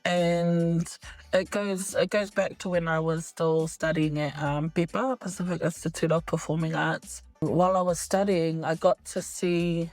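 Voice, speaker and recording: A middle-aged woman from New Zealand, an actress, answering interview questions in a relaxed way with many fillers and restarts. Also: on the low side, unhurried, dry recording, faint music behind.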